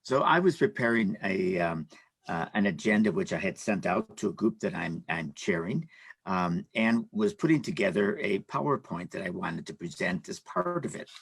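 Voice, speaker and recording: A man's voice: low voice, lively intonation, normal speed, vocal fry, breathy edge, dry recording. An older man on a panel, speaking casually and hesitantly, with many fillers and restarts.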